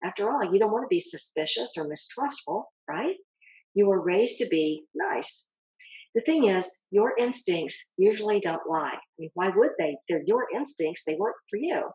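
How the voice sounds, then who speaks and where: A woman giving a calm motivational talk as a self-help speaker, coaching the listener directly and asking rhetorical questions. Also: medium pitch, moderate pace, breathy edge, poor audio.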